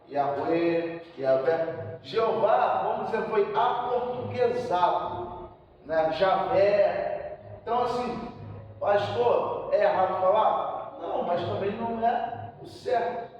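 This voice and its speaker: A man's voice: sits high, darkish tone, dull audio. A man teaching a church seminary class, emphatic and asking "né?" to check in with the room. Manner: emphatic, frequent "né?" check-ins. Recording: echoey hall from far off, faint background noise.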